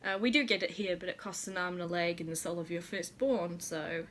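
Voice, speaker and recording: A woman's voice: lowish voice, steady tone, a little fast, a bit bright. A young woman with a New Zealand accent chatting casually as a vlogger, giggly and a little tipsy, laughing often and swearing freely. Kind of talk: casual chat.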